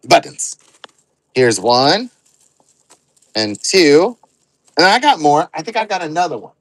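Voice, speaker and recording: A man's voice: a little high, no echo, poor audio. A man hosting an online live sale, rambling and joking as he counts out items aloud. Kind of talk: casual live-selling chatter.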